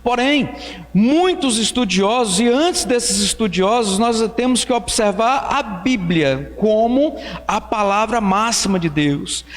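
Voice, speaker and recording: Guy preaching a bible study, chatty with lots of "é" and questions, echoey church. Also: very high-pitched. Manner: conversational preaching with fillers and rhetorical questions. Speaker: pastor.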